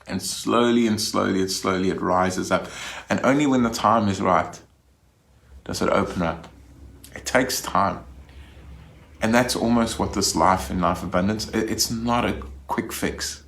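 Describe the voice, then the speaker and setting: A male minister delivers a recorded Sunday reflection in a relaxed, conversational way. His voice sits a little low, and he often stops to restart his phrases. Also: measured pace, vocal fry.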